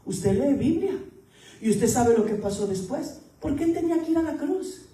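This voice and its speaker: A woman pastor preaches to her congregation in a high, mellow voice. She calls out to the church, builds to emphatic peaks and drops to hushed asides. The sound is roomy, with her voice set a little back from the mic. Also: expressive, moderate pace, distant mic. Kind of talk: sermon.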